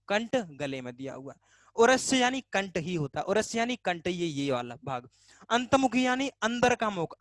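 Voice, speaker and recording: A man's voice: high-pitched, a bit bright, dry recording. A male teacher gives a casual online grammar class, asking the class questions and answering them himself, repeating key terms to drill them. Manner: casual and chatty.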